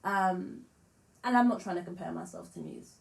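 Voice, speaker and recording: A woman musician talks to camera in a loose, frank vlog style, swearing casually and poking fun at herself. Her voice sits a little low and carries a slight lisp. The room around her adds a noticeable echo. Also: huge pitch swings, moderate pace, vocal fry. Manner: frank, chatty, swears freely, self-deprecating. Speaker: musician vlogger.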